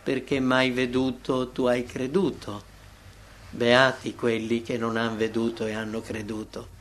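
A man voicing a calm, loving male teacher in a devotional reading, speaking slowly and softly. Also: medium pitch, a little hiss or hum, natural voice. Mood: gentle solemn.

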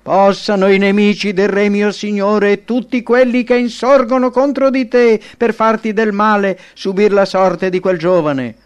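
A man voicing a young male messenger who calls out his news in a high, strained shout. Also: little pitch movement, normal speed, hardly any pauses, smooth, close to an everyday voice. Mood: urgent.

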